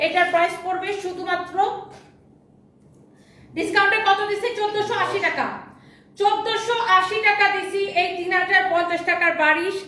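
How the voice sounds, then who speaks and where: A woman selling clothes on a live stream, repeating prices in a quick pitch, her throat sore and strained. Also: steady tone, sharp tone, reverberant, distant mic. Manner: fast repetitive sales pitch, repeats prices. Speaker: online clothing seller.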